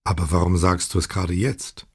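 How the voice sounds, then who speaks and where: A man voicing a calm, matter-of-fact middle-aged mother who talks briskly. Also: sits low, husky.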